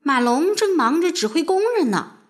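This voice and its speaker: A woman reads a children's fairy tale aloud in a high, bright voice. Her pitch dances up and down with a sing-song storybook lilt, expressive and animated throughout. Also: normal speed.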